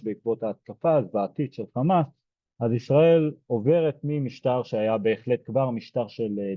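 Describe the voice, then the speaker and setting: A soft-spoken man from Israel lectures in a hesitant way, with many fillers and restarts. His voice sits at a middle pitch. The sound is dry and muffled. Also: no echo. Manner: soft-spoken, hard to hear. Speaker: genocide studies lecturer. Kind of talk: explaining lecture.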